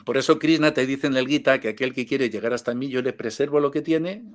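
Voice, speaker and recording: A man's voice: mid-range voice, brisk. An older man giving an informal spiritual talk as a teacher, chatty and joking, with frequent asides.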